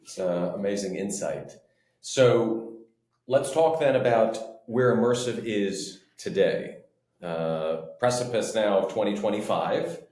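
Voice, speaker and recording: Fairly low-voiced male interviewer, roomy. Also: slow, darkish tone. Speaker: interviewer, host. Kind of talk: conversational interviewing.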